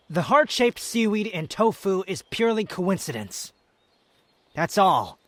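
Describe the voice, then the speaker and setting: A man's voice: sits high, big pitch swings, slow, heavily acted. A man playing a proud, prickly young wanderer who hides his affection, curt and scornful, in a scripted ASMR roleplay spoken to the listener. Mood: defensive, flustered. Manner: haughty, curt, scornful, defensive.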